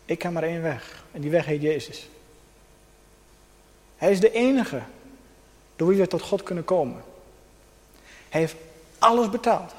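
Guy preaching in a church, kinda high voice, long echo off the hall, earnest and soft at times. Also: lively intonation. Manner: earnest, uses pauses and soft emphasis. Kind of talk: sermon with personal testimony.

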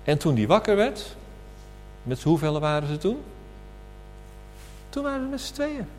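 A man preaching a sermon at a communion service, slow and emphatic, asking rhetorical questions. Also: a little high, big pitch swings. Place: church hall. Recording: reverberant hall with faint hum.

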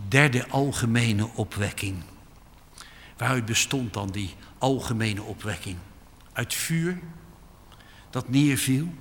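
A man preaching a sermon with emphatic delivery, rising to loud exclamations. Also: mid-range voice, a little hiss or hum. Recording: long hall reverb.

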